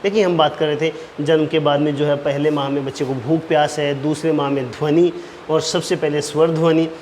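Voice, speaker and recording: A man teaching an exam-prep lecture, explaining point by point and slowly dictating key phrases, repeating them. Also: fairly high pitch, fairly even intonation, darkish tone. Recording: reverberant room with faint noise.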